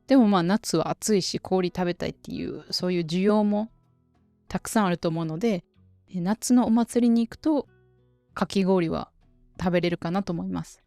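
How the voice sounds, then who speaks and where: A woman with a Kansai Japanese accent hosting a casual solo podcast for Japanese learners, chatty and relaxed. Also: lowish voice, normal speed, no echo, soft background music. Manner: chatty and relaxed, dialect-heavy. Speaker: podcast host teaching Japanese.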